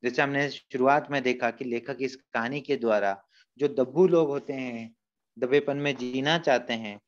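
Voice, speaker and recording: A man's voice: medium pitch, moderate pace, muffled recording. A male school teacher explaining a story in a class lesson, patiently retelling and explaining lines.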